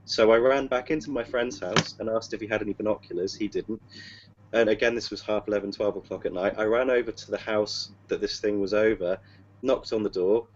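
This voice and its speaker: A man's voice: lowish voice, fairly even intonation, fairly quick. A man telling a story casually, hesitant and full of fillers. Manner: rambling, hesitant, many fillers and restarts. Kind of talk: casual storytelling on a video call. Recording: dull lo-fi call audio with faint hum.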